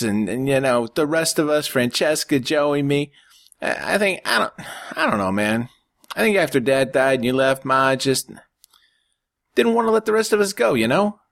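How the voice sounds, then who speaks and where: High brash young mobster guy, pushy and crude, read by a man. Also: sing-song, vocal fry, a bit bright, no room sound, clean studio sound, heavily acted. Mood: earnest. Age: 20s. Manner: crude, pushy, fast-talking. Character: brash foul-mouthed young mobster brother.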